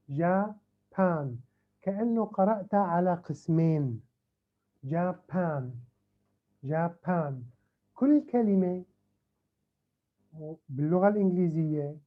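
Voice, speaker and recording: High-voiced teacher drilling English syllables. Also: male voice. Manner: switches between Arabic and slow, drawn-out English, repeating words to drill them. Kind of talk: online class lesson. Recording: tinny phone-like audio.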